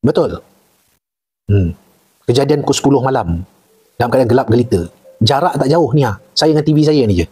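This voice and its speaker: A man's voice: mid-range voice, expressive, brisk, pauses often, warm tone, breathy edge. A middle-aged man with a Malaysian Malay accent, a retired army major telling jungle stories in casual chat and repeating points for emphasis.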